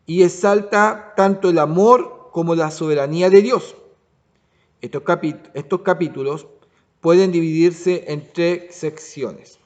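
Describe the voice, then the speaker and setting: A man teaching a Bible lesson as pastor, often pausing to check the congregation understands. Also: fairly high pitch. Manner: restarts and asks "¿ya?" to check understanding. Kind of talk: Bible study sermon.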